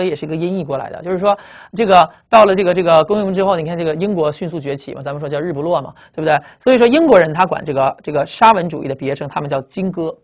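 A recorded English vocabulary lesson is led by a man whose pitch sits fairly high. He explains at speed, circling back through repetition and adding tag questions often.

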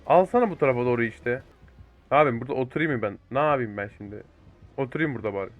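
A young man giving excitable live commentary over a multiplayer game, swearing and talking to teammates and viewers. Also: medium pitch, rapid-fire, phone-quality sound. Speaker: gaming YouTuber.

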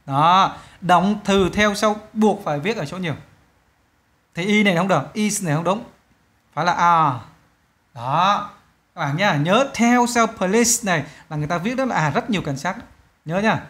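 A man's voice: high-pitched, normal speed, fairly bright tone. A man from Vietnam, teaching English test answers in a chatty way and repeating each English word twice. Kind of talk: explaining a test to students.

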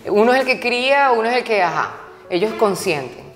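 A woman's voice: a little high, lively intonation, fairly quick. A woman guest talking candidly in an interview, stressing points by repeating her words. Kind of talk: candid conversational storytelling. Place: interview set. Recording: roomy reverberant room, faint music.

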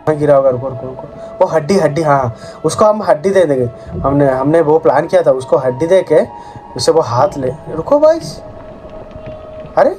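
Excitable man narrating his gameplay. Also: on the high side. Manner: excitable, yelps and repeats words when startled; keeps addressing the viewers. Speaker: gaming channel host. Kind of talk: casual gameplay commentary. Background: horror game music.

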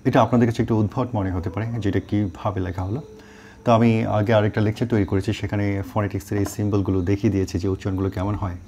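A middle-aged English teacher with a low, mellow voice talks at a brisk clip as he works through a pronunciation lesson. He spells words out carefully and drops English phrases into his explanations. Faint noise sits behind him. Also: fairly even intonation.

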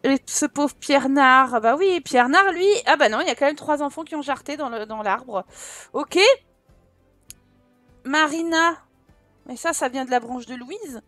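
A high-pitched woman commenting on a life-sim game as she plays, chatty and expressive. She talks to the viewers in a casual, lively way. Faint game music sits underneath her voice. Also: unhurried, dry recording. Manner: chatty and expressive, full of exclamations and fillers. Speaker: gaming channel host. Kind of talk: casual let's-play commentary.

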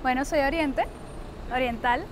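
High-voiced young Venezuelan woman outdoors. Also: unhurried. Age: young adult. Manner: chatty, enthusiastic, explanatory. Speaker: interviewee, tour guide. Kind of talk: casual outdoor interview. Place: city street outdoors. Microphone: lapel mic. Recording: street noise behind.

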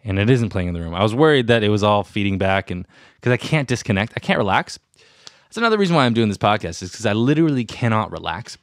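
Low-voiced rambling podcast man. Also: very animated, quick pace, no room sound, studio quality. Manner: self-deprecating, rambling, restless. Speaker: podcast host. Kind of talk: rambling solo podcast chat. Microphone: studio mic with headphones.

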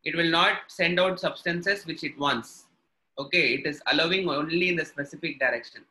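A man with a South Indian accent gives an online class in a fairly high, bright, forceful voice. He explains like a teacher, restating each point in short, simple sentences. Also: normal speed. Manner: instructional, repeats and rephrases points. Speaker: biology teacher. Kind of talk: live online lesson, explaining with short repeated examples.

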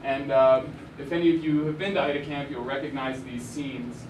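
A young journalist from Arizona, USA talks at normal speed in a level, mid-range voice. His slide lecture in a university hall is casual, with frequent ums and restarts. Sound comes from a distant room mic, leaving it echoey and noisy.

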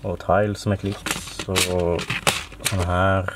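In a dim workshop room at home, a man from Sweden narrates a laid-back walkthrough of his hobby collection. His voice is deep and his pace slow, he names parts amid frequent fillers, and the audio has a lot of noise.

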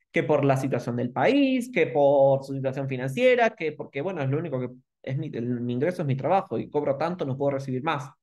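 A man with a Rioplatense Spanish accent teaching an online masterclass, animated and repeating questions with emphasis. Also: on the high side.

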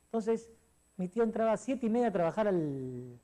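Middle-aged Peruvian man, mellow storyteller. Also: high voice, very animated, a little fast. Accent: Peruvian Spanish. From Peru. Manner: rambling storyteller, many fillers and restarts. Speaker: guest, sports columnist. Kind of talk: casual interview chat.

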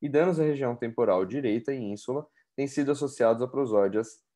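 A man reading exam questions aloud in a measured way and commenting on them. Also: mid-range voice, dark tone. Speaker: exam prep instructor.

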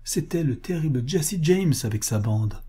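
A man's voice: a little high, lively intonation, moderate pace, mellow, slightly rough. A man voicing a grief-stricken young woman in an audiobook, speaking in a trembling, pleading way. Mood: distraught. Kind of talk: audiobook character reading.

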